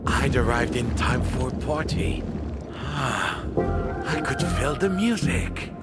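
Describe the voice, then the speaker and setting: An actor playing a gallant, wistful seafaring father who tells his adventures in a measured, dramatic way for a video game. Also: mid-range voice, expressive, loud music behind the voice. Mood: wistful, enraptured. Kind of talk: video game narration and character acting.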